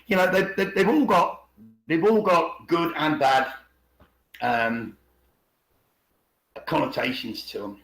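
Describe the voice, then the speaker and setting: A podcast host with a fairly high, slightly bright voice leads a meandering conspiracy talk over an online video call. He speaks slowly with frequent pauses, reading passages aloud and repeating words as he stops to check for agreement. The call sounds roomy and echoey.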